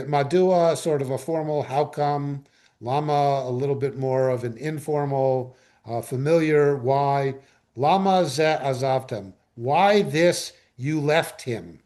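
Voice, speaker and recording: A man teaching a Hebrew Torah study class, explaining verses slowly and acting out the characters with playful humor. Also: mid-range voice, mellow. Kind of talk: informal class lecture. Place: study class in a synagogue room.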